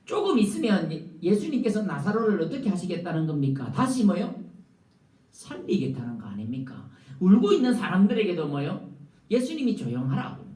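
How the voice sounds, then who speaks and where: A male pastor preaching a sermon, often asking the congregation rhetorical questions and stressing words with big swings in pitch. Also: very animated, fairly quick, mellow. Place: church sanctuary. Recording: echoey church room, mic at a distance.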